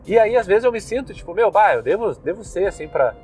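In his car with soft background music playing, a young podcast host with a Gaúcho Brazilian Portuguese accent from southern Brazil rambles casually. His voice sits high and is a little mellow, expressive and fast, and his speech is loose and slangy with many fillers.

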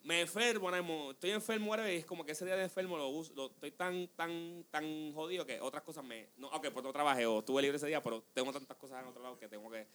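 A man's voice: fairly high pitch, fast talker, hardly any pauses, a bit bright. A young man hosting a podcast in casual chat, rambling and mixing in English phrases. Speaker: podcast host.

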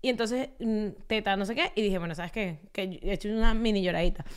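A woman's voice: medium pitch, brisk, smooth. A woman in her thirties with a Venezuelan accent, chatting and telling stories as a podcast co-host, often laughing. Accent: Venezuelan Spanish. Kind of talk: casual chat.

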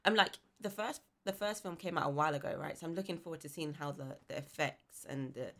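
A woman's voice: deep voice, brisk, fairly bright tone. A woman on a podcast panel, giving her opinions in casual conversation.

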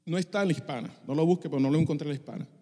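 Speaking at a racing pace, a middle-aged pastor gives an impassioned Spanish sermon peppered with English phrases, his voice echoing through a church sanctuary. The pitch is on the high side and the tone dark.

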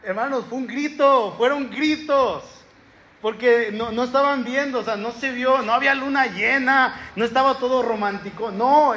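A man's voice: extremely high pitch, highs cut off. A male pastor preaching a sermon, calling out to his congregation as he reads and explains scripture. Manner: lively, calls out to the congregation. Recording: echoey hall with room ambience.

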